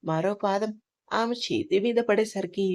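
Female storyteller, calm and even delivery, middle pitch. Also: measured pace. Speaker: narrator. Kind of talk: storytelling narration.

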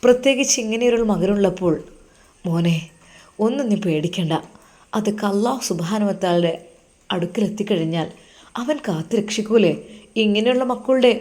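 A woman voicing a kindly older male religious teacher who gently consoles a grieving young man. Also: mid-range voice, expressive, normal speed, pauses often, natural voice. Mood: consoling.

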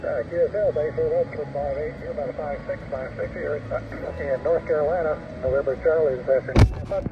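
A man's voice: on the high side, fairly even intonation, brisk. A man, an amateur radio operator, trading brief clipped call signs over a fading shortwave radio. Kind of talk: brief radio contact exchange. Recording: tinny, static-filled shortwave radio.

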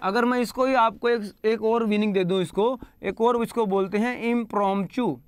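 A man's voice: sits high, steady tone, clear, resonant tone, no echo. A man with an Indian English accent teaching vocabulary online, mixing Hindi with English, spelling words out letter by letter and having students repeat. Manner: spells words letter by letter and drills pronunciation slowly; mixes Hindi and English, addresses students directly.

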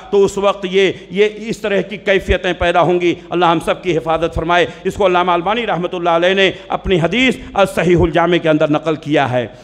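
A man's voice: sits high, a bit bright. A man preaching a fervent sermon in a mosque, firing rhetorical questions at the congregation and chanting scripture. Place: large mosque hall. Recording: long hall reverb.

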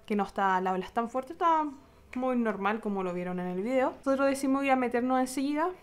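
A woman's voice: on the high side, fast talker. A young woman with a Chilean accent, animatedly telling her followers a story in a casual vlog, adding sound effects and acting out what people said. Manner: animated retelling with sound effects and acted-out quotes. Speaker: vlogger.

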